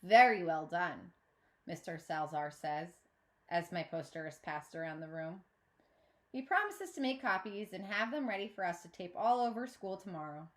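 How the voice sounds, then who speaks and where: A woman with a lowish voice reads a children's novel aloud at a moderate pace, the way a teacher would. She narrates in the first person and expressively acts out the dialogue.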